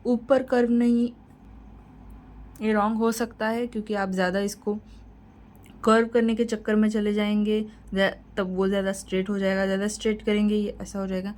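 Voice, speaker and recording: A woman's voice: medium pitch, level tone, moderate pace, darkish tone, low-quality recording. A woman teaching a shorthand lesson, explaining each point patiently and repeating key points to reassure her students. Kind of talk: tutorial lesson.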